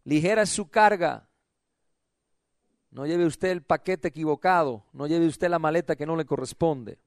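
A man's voice: a little high, moderate pace, dry recording, studio quality. A male pastor preaching a sermon with passion, calling on the congregation to repeat after him and acting out the voices of doubters and of God. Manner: impassioned preaching, calls for responses, acts out quoted voices.

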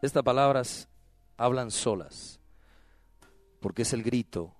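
A man preaching a sermon, moving from soft teasing asides to loud cries and asking the congregation to repeat after him. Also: medium pitch, takes it slowly, no echo. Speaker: pastor.

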